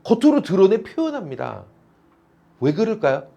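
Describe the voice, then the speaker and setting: A man's voice: sits high, big pitch swings, normal speed, vocal fry, dark tone, dull audio. A male teacher giving a classroom lecture, teasing and calling on students by name.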